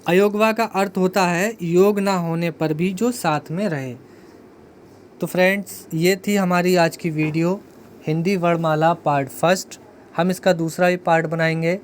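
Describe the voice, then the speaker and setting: A man's voice: high voice, steady tone, a little slow, slight background noise. A man teaching an exam-prep grammar lesson, explaining patiently, repeating key terms and putting questions to the viewer.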